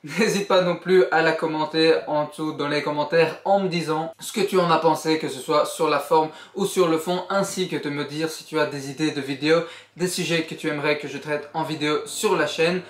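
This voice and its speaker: A man's voice: fairly high pitch, steady tone, a little fast, reverberant. A young man summarizing a book in a casual vlog, earnest and encouraging as he speaks directly to the viewer. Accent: Belgian French. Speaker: YouTuber.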